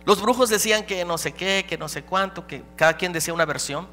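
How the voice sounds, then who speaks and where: A man preaching a dramatic personal testimony as a pastor, swinging between loud and hushed. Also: high-pitched, brisk. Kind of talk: sermon testimony. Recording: live hall recording with reverb and hum.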